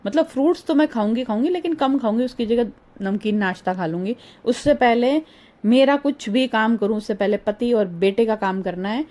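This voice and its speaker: A middle-aged woman chatting through a casual vlog voice-over, rambling and homely, her voice a little hoarse. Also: fairly high pitch, moderate pace, a little mellow. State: slightly hoarse. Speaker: vlogger. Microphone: phone.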